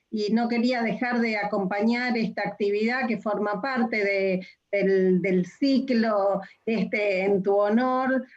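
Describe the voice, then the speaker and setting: A woman, a university dean, giving a measured formal greeting. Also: mid-range voice, darkish tone, dull audio.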